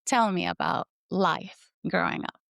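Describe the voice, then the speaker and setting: A woman's voice: on the low side, animated, a little slow, creaky, a bit bright, dry recording, clean studio sound. A woman co-hosting a podcast who opens with a scripted welcome and then interviews her friend, prompting her with encouraging questions.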